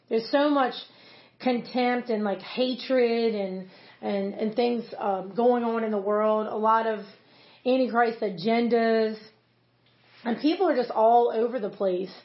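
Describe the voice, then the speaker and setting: A fairly high-voiced woman pastor talks through a devotional in an earnest, chatty way, full of casual fillers. The recording is roomy and a little dull. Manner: earnest, conversational, many fillers. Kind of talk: casual podcast devotional teaching.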